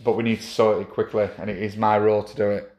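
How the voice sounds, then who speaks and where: A man's voice: on the low side, level tone, fast, a little mellow, echoey room. A man, chatting casually as a club official, rambling with many fillers and restarts. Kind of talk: casual chat.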